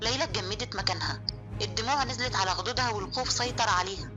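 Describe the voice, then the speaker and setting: A woman's voice: medium pitch, rapid-fire, dull audio. A woman with an Egyptian accent narrating a horror story in a suspenseful, vivid way. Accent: Egyptian Arabic. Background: faint music.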